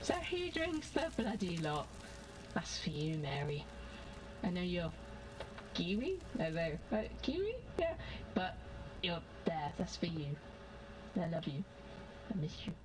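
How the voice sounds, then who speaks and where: A woman's voice: fairly low pitch, very animated, measured pace, long pauses, low-quality recording. A woman voicing a tipsy woman who gives rambling drinking toasts and drifts into sentimental, mumbled asides. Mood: maudlin.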